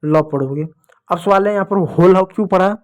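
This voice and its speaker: A man gives a classroom phonics lesson, and his voice sits a little high. He keeps quizzing his young pupils and answering himself, calling them his dear children. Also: normal speed, a little mellow. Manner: asks questions then answers them, addresses "dear children". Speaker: English teacher.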